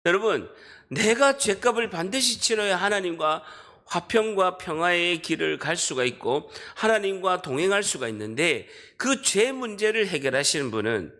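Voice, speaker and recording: Pastor, man, Busan accent, slightly high voice, emphatic sermon in a church. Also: bright, forceful tone. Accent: Busan dialect. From Busan, South Korea. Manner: emphatic preaching, directing the congregation to read and underline. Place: church sanctuary.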